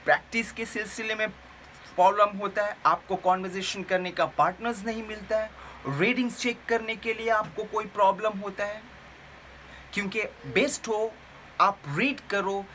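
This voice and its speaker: A woman's voice: mid-range voice, moderate pace, fairly bright tone, slight background noise, rough recording. A woman giving an earnest lesson as a teacher, repeating her points and correcting herself as she goes. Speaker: English teacher, runs a tutoring organization. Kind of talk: video lesson with tips.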